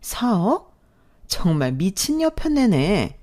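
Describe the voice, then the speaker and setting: A woman voicing a rich, sharp-tongued older mother-in-law in a haughty, scornful manner, read as storybook dialogue. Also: medium pitch, big pitch swings, slow.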